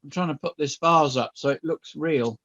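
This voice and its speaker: A man sitting as a portrait model, bantering in a joking, deadpan way, over dull video call audio. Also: fairly high pitch, moderate pace. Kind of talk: playful banter.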